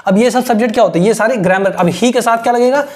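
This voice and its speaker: A man's voice: extremely high pitch, racing, a little mellow. A man teaching English grammar, explaining step by step and checking in with his students after almost every sentence. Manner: explains step by step with constant "right?" check-ins. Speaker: English teacher for exam aspirants. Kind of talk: mixed Hindi-English lecture.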